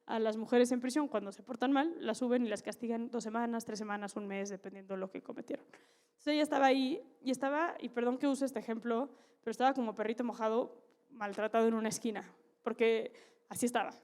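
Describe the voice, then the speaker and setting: A woman with a Mexican Spanish accent, a conference speaker telling a story to an audience in a candid, lively way with slang and asides. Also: on the high side, fast talker. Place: conference stage in a large hall.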